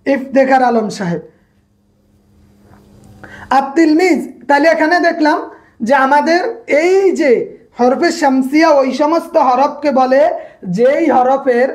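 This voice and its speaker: A woman's voice: sits high, darkish tone. A woman giving an online grammar lecture, repeating each point and quizzing the class so they echo the answers back. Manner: checks in on students by name. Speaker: grammar instructor.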